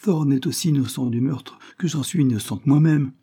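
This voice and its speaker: A man's voice: mid-range voice, moderate pace, warm tone, slightly rough, pitched above the performer's own voice. A man voicing a passionate young woman in an audiobook, given to pleading, sobbing outbursts. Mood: distraught, vehement.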